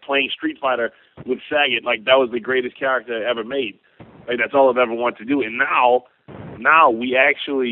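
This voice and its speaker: A male fighter talking casually and colloquially in a rambling interview answer on a conference call by phone. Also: medium pitch. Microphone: telephone. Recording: tinny dry phone line.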